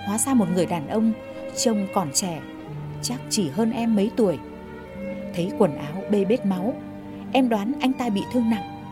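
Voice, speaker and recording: A woman reading a story aloud in a calm, measured way. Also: medium pitch. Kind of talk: scripted narration.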